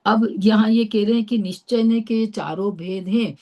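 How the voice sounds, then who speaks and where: A woman's voice: mid-range voice, moderate pace, muffled recording. A middle-aged woman from India teaching a philosophy class, explaining step by step and checking often that her listeners follow. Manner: explains patiently with rhetorical checks.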